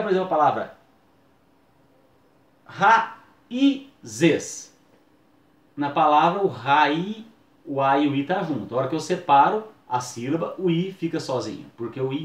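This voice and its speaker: A man's voice: a little high, roomy sound. A man, teaching a video lesson and drawing out key words for emphasis.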